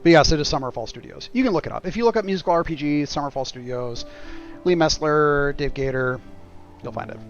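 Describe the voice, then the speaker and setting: A man's voice: fairly high pitch, fairly quick, dull audio. A man streaming a game, chatting casually and commenting with wry, sweary, sarcastic asides. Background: music.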